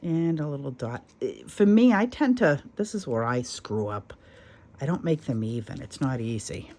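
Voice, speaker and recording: Talking casually through a sewing tutorial, a middle-aged craft host wanders into chatty side comments and pokes fun at herself. She has a very deep, mellow voice, animated, at a normal pace.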